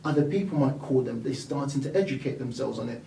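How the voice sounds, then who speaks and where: A British property investor and mentor guests on an interview show, telling stories animatedly and acting out quoted voices. His mid-range voice is fast with vocal fry, recorded in an echoey room from a distance with slight background noise.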